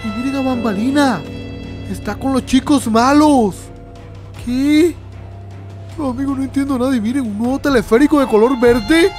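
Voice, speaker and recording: A man hosting his channel, excitedly reacting to a game trailer and talking to his viewers as friends. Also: very high voice, moderate pace, soft background music. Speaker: YouTuber host.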